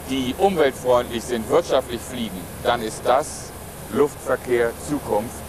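A middle-aged man gives explanatory interview answers as an airline captain. His voice has a medium pitch, with clear aircraft noise behind it.

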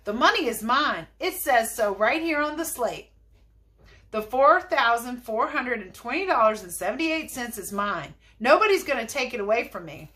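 A woman's voice: a little high, sing-song, normal speed, bright, forceful tone. A woman voicing an indignant, greedy male storekeeper in a storybook reading. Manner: protesting, insistent.

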